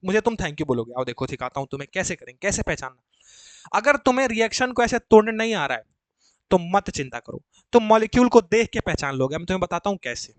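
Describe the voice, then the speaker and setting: Chatty male chemistry teacher, high voice. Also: big pitch swings, quick pace, no room sound. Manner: chatty, coaxing, repeats and quizzes students. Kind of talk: live class explanation. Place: coaching classroom.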